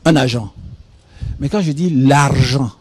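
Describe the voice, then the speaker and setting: On a studio talk show, with a crowd audible in the background, a man from Benin lays out public speaking skills at an unhurried pace and medium pitch. Through a studio mic, the guest expert teaches patiently, spelling out words and asking "hein?"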